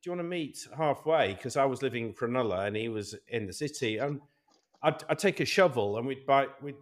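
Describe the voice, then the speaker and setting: A middle-aged man from Yorkshire hosts a casual podcast in a mid-range voice. He tells anecdotes with lively, teasing banter. His delivery is chatty and informal. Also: medium pitch, fairly quick. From Yorkshire, England. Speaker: podcast host. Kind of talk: casual chat.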